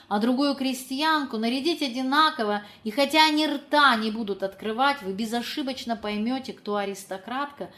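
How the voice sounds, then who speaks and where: A woman narrating a literary audiobook in a measured, expressive storytelling manner. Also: a little high.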